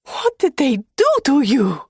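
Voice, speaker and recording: Actress voices an anxious young woman for an audiobook; husky, higher-pitched, dry studio sound. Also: huge pitch swings, a little slow, dry recording, full character voice. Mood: distraught. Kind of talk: audiobook character voicing.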